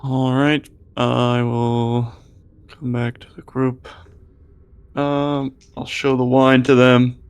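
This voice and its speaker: A man's voice: medium pitch, flat delivery, takes it slowly, clean tone, no echo. A man playing a tabletop game, talking casually and a little hesitantly. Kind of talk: casual chat.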